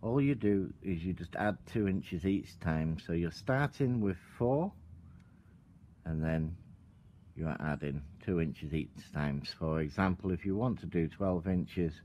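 A man with a low voice talks slowly through a hands-on tutorial, calm and instructive, describing each step as he works. He sits at a table outdoors with a camera above, and a faint outdoor hum sits behind him. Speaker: product demonstrator.

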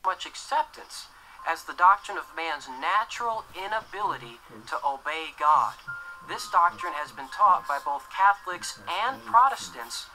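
Young man presenting a documentary, bright tone. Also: sits high, lively intonation, faint music behind, poor audio. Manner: measured, earnest, gestures while explaining. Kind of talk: scripted documentary narration. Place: dim indoor set.

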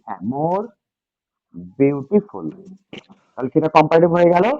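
In a dull, dry lo-fi recording, a man with a slightly high, expressive voice teaches English grammar at a somewhat slow pace and with a warm tone. He repeats key points and quizzes his students in a call-and-response classroom lesson.

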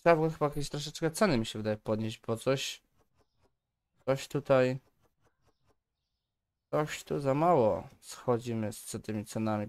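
A man giving casual, playful commentary while playing a game, bantering in a mock-polite shopkeeper tone. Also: medium pitch. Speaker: gaming YouTuber. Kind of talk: casual let's play commentary.

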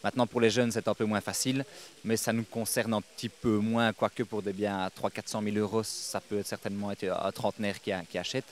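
A man's voice: fairly low pitch, little pitch movement, brisk. A young man answering interview questions outdoors into a handheld microphone, businesslike and hesitant, with many fillers. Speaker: real estate agent. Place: outdoors on a lawn.

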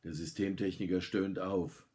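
Lower-voiced man reading a story. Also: normal speed. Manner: lively, voices the characters' lines with raised pitch.

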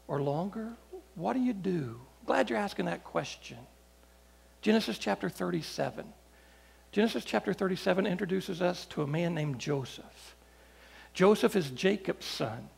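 Male pastor, sermon, high voice, gravelly texture, conversational storytelling. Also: darkish tone. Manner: storytelling with repeated restarts.

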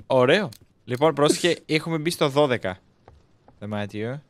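A man's voice: on the high side, animated, dry recording. A young man co-hosting a casual let's-play, teasing his friend and telling him where to go. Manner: teasing, bossy guide through the game. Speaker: gaming co-host.

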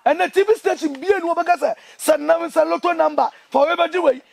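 A young Ghanaian man speaks at a very rapid clip in an impassioned interview. His voice sits extremely high for a man, and his delivery is indignant, emphatic and animated. The sound is close and dry. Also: creaky, no room sound. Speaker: interview guest, traditional priest. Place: outdoors among trees.

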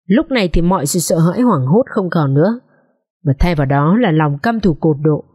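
A woman narrating a dramatic social drama audiobook in an expressive storytelling manner. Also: fairly low pitch, normal speed, breathy edge.

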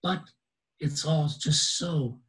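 A man's voice: on the high side, slow, fairly bright tone, poor audio. A man in his sixties, an enthusiastic guest speaker who laughs often, talking on a video call. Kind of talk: casual webinar talk.

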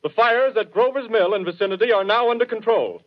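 An actor playing a male radio announcer in a 1930s radio drama, reading urgent bulletins in a crisp, formal, old newsreel style. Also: high voice, fairly quick. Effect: old newsreel-style broadcast announcing. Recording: dull lo-fi 1930s radio recording.

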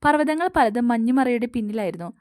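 Woman, audio story narrator, steady storytelling, fairly high voice, dry close recording. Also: quick pace, no echo. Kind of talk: scripted narration.

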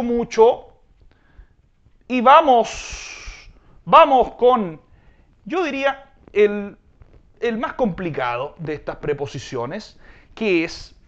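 A man teaching English in Spanish, drawing out words slowly and teasing his students playfully. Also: high voice, lo-fi sound. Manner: drawn-out, slow drilling of English words. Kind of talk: Spanish-language English lesson.

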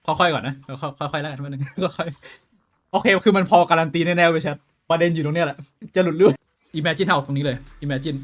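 A man streaming a game live, talking with his viewers in a profane, excitable way that swings between loud outbursts and quiet muttering. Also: mid-range voice. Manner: switches between shouting and muttering. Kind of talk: casual live-stream commentary.

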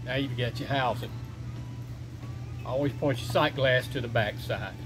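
Speaking at medium pitch and a little slowly, a folksy middle-aged man explains shop work. He's a shop owner showing a repair in his indoor workshop, giving plain, casual step-by-step instruction while background music plays underneath.

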